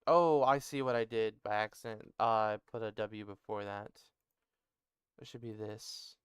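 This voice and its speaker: Smooth and on the low side, this man's voice keeps a fairly even intonation at normal speed in a clean, echo-free studio recording. Working on an invented language, the conlang creator thinks aloud, muttering, musing, and correcting himself.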